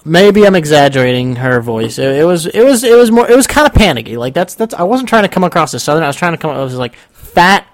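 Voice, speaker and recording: A man's voice: on the high side, sing-song, quick pace. A young man telling a story in casual chat, rambling and often breaking off mid-sentence. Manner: rambling, self-interrupting storyteller.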